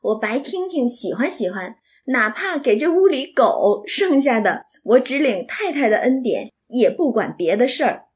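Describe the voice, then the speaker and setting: A woman's voice: a little high, very animated, moderate pace, hardly any pauses. A woman doing a chirpy young maid. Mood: eager. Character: young maidservant, eager and chatty.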